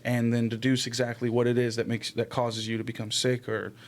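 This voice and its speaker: In a small room set up as a podcast studio, a man talks into a close podcast microphone on a stand, explaining things in a slangy way with some swearing during a casual chat. His mid-range voice is brisk and completely flat. Background noise comes through clearly.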